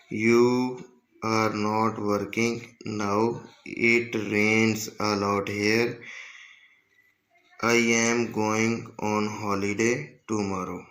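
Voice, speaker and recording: A man teaching an exam-prep grammar lesson, reading English sentences slowly and then explaining quickly in Urdu-Hindi. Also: fairly low pitch, fairly bright tone, poor audio.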